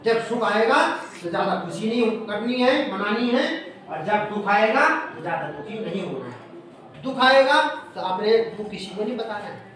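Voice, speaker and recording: High-voiced village teacher quizzing pupils. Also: male voice, animated, normal speed, a bit bright, far from the mic. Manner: call-and-response questioning of pupils. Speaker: schoolteacher. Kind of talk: classroom poetry explanation. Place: village school classroom. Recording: echoey classroom, recorded from afar, children around. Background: pupils murmuring.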